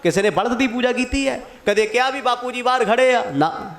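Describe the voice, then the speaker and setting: A man's voice: very high-pitched, brisk, fairly bright tone. A man telling a story in a sermon, acting out the quarrelling sides with shifting voices. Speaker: katha preacher.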